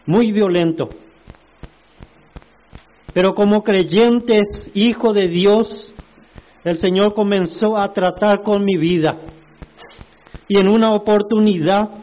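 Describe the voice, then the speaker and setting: Male preacher, high voice, drawn-out emphatic sermon, dull lo-fi sound. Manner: slow, emphatic preaching with rhetorical questions.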